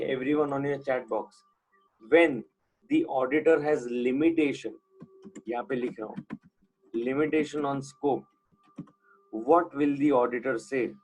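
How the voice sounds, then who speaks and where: A man's voice: mid-range voice, a little mellow, slight background noise, poor audio. A man teaching an online class, putting questions to students and repeating the key points.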